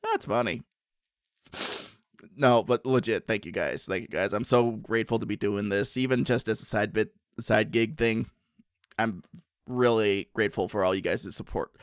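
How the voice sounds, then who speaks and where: A man's voice: on the low side, normal speed, smooth, dry recording, studio quality. A young man streaming from home, chatting casually with viewers and often laughing as he reacts to the chat.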